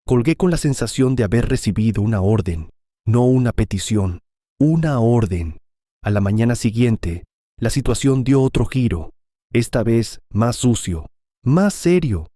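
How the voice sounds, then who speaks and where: A man narrating a first-person story in a calm, measured way. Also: mid-range voice, dry recording, clean studio sound.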